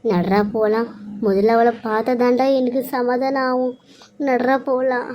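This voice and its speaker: A woman's voice: on the high side, flat delivery, moderate pace, darkish tone, lightly acted. A woman voicing a harsh, scolding middle-aged mother-in-law in a cartoon serial, with a stern, bossy manner. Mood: relieved. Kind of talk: Tamil cartoon serial voice acting.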